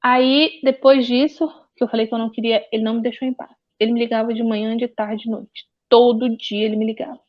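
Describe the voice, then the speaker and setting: A woman's voice: fairly high pitch, level tone, fast talker, few pauses. A woman, a guest giving earnest, pained personal testimony with a lot of repetition. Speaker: interview guest. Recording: dull lo-fi audio.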